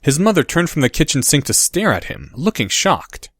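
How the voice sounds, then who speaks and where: A man reading audiobook narration in a steady, measured way. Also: fairly high pitch, husky, no room sound.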